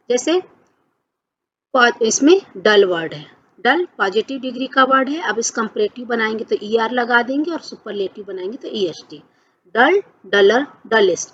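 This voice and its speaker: A woman teacher giving a grammar lesson, who explains patiently, asks and answers her own questions, and reads example sentences slowly. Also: on the high side. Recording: dull lo-fi recording with faint noise.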